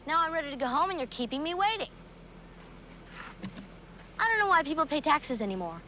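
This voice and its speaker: A woman's voice: high voice, very animated, a little fast, background noise. A woman playing an indignant, demanding runaway teenage girl in a 1970s TV drama, with a pert, accusing manner.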